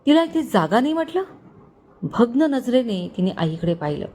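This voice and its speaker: A woman storyteller reading a scripted romantic suspense story with even delivery. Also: a little high, normal speed.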